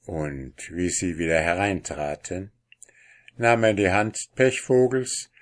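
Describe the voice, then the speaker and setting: A man narrating a fairy tale in a calm, measured reading. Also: low-pitched.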